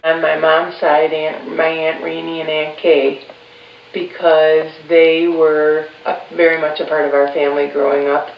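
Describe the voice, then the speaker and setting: A woman in her fifties from Chicago, recalling her childhood in a relaxed family interview with pauses. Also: deep voice, vocal fry. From Chicago, USA. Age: 50s. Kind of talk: casual recorded family interview. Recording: roomy, distant, dull, faint hiss.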